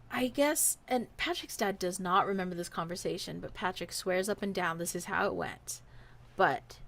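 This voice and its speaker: Her medium-pitched voice is gravelly as she animatedly tells a personal story in a casual podcast style, performing what people said.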